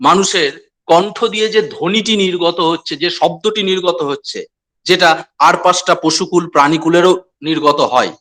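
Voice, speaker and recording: A man from West Bengal giving a lecture to students, repeating key phrases and speaking to them directly in a measured, explanatory way. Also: a little high, a bit bright. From West Bengal, India. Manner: measured explanatory delivery with pauses. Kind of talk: online lecture.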